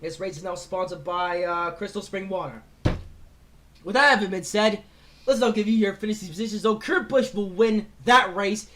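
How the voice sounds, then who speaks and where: A man calling a race as commentator, excitable and tripping over names before correcting himself. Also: high-pitched, normal speed, a little hiss or hum.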